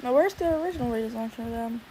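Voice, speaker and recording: A woman's voice: fairly high pitch, animated, quick pace, warm tone, slight background noise, rough recording. A young adult woman streamer chatting casually while she draws, thinking aloud and swearing now and then. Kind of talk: casual livestream chat while drawing.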